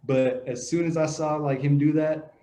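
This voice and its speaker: A young man co-hosting a casual sports podcast, telling stories in a relaxed, rambling way with many fillers. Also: a little high, normal speed. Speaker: podcast co-host, grandson. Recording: dull lo-fi audio.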